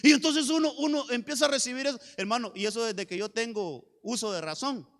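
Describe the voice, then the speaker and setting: Man, pastor's sermon, high voice, long church echo, fervent and repetitive. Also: brisk. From Honduras. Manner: fervent preaching with rising shouts and call-and-response repetitions. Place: church sanctuary.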